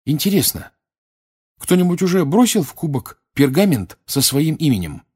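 A man's voice: on the high side, big pitch swings, normal speed, a little mellow, slightly rough, pitched above the performer's own voice. A man voicing a curious, eager teenage boy in a storybook reading, lifting his voice.

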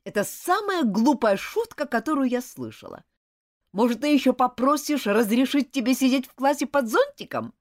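A woman voicing a strict, quick-tempered female French schoolteacher in an audiobook, scolding loudly and sharply. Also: high voice, animated, no room sound, clean studio sound, voice pushed up. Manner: sharp scolding, loud and cutting. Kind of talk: audiobook character voice.

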